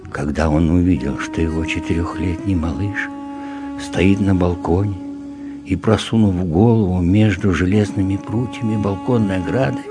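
Deep-voiced man narrating over music. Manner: calm, measured storytelling. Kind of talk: audiobook reading of literary prose. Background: background music.

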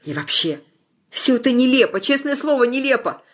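A reader voicing a torn young man who tries to calm his bride with soothing, coaxing words, in a storybook reading. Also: sits high, normal speed, voice pushed up, heavily acted.

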